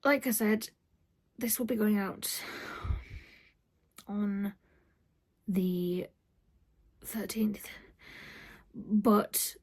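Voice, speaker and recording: Early in the morning at home, a woman records a casual vlog chat, speaking softly and half-whispering in a croaky, just-woken voice. Her mid-range voice moves very slowly, pausing often as she rambles with fillers.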